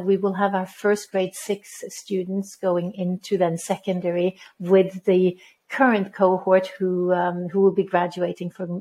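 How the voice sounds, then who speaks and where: A Norwegian head of school in her fifties answers interview questions in a measured way, often saying "um" and restarting her sentences. Her voice is mid-range and mellow.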